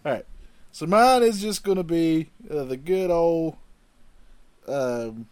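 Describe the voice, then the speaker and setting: A man's voice: a little high, sing-song, takes it slowly, a little mellow, smooth, dry recording. A man chatting casually as a podcast co-host, bantering his way through a quiz.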